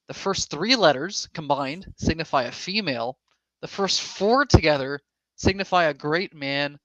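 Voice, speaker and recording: A man with a fairly high voice hosts a live online session over a video call, chatty and upbeat and full of restarts. The sound is dull and lo-fi like computer call audio, and it is very dry with no room sound. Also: a bit bright, no room sound. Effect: heard over a video call. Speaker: co-host of an online summit. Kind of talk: casual hosting of a live online event.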